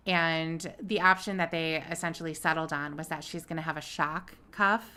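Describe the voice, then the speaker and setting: A woman's voice: low voice, fairly even intonation, moderate pace, sharp tone, clear, resonant tone. A woman co-hosting a podcast, chatting casually about a court case at home with plenty of fillers and small laughs. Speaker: podcast co-host. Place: home with her dog.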